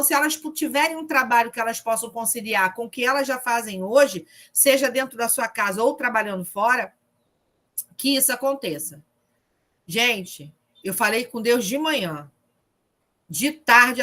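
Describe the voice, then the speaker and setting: A woman's voice: a little high, sharp tone. A woman leading an online discipleship group, preaching informally with humor and telling testimonies over a video call.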